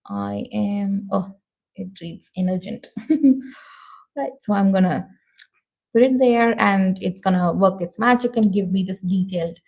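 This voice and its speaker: Chatty Indian woman with a gravelly edge. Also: medium pitch, a little mellow. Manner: thinking aloud, many fillers, chatty. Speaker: show host. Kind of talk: casual screen-share tutorial.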